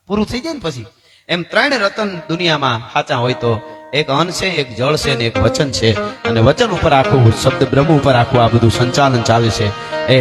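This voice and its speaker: A man telling stories at a religious gathering, chatty and earnest, with asides. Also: high voice. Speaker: folk storyteller at a religious gathering. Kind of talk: live stage talk at a dayro. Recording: live hall echo with faint music.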